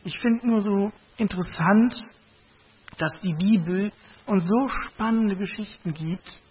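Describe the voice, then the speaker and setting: A man's voice: high-pitched, a little slow, slightly rough. A man preaching a sermon with a Bible reading, in a conversational, reflective way. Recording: dull lo-fi recording.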